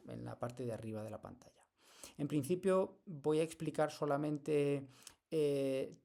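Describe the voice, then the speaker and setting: A man lecturing in a screen-recorded software tutorial, explaining step by step with frequent hesitations and restarts. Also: mid-range voice, gravelly.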